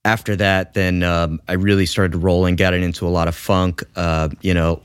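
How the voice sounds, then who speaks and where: A man's voice: sits low, flat delivery, normal speed, clean tone, no echo, clean studio sound. A man in his thirties, a musician guest talking casually on a podcast, with many fillers and restarts. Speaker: guest bassist.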